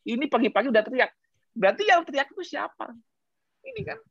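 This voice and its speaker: Animated guest explaining science, pitch all over the place, dry muffled audio, keeps asking the listener questions. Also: fast talker, no room sound. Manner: animated, rhetorical questions, mixes English terms. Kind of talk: casual explanatory podcast talk.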